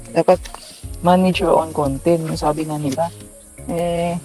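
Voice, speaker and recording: Filmed as if on a phone, a young man shows off his bean garden outdoors for his farming vlog, halting, stumbling, and using many fillers. His voice is a little high and mellow, and the recording quality is low.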